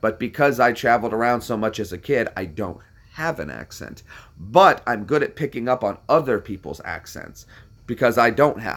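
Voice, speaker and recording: This young American man, speaking at medium pitch with a slightly bright sound, rambles casually through viewers' questions, self-deprecating and heavy on fillers.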